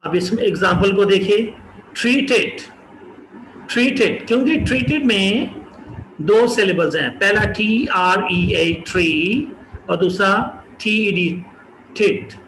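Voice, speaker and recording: A man from Pakistan teaching a pronunciation lesson, repeating each example word slowly and distinctly. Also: high-pitched, a bit bright, roomy sound, slight background noise, low-quality recording. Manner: slow, repeats example words carefully and distinctly. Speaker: English teacher.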